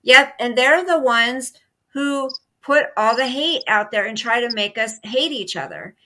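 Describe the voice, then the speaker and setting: A woman's voice: on the high side, expressive, unhurried, pushed and bright, poor audio. A middle-aged woman co-hosting a casual political chat at home, talking in an emphatic, indignant way and repeating her points. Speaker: co-host. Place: at home, live stream.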